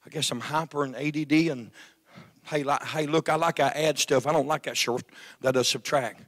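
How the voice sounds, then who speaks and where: High, bright-voiced stuttering preacher man. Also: steady tone, normal speed. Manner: shouted, fervent preaching with sudden soft passages. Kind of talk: revival preaching.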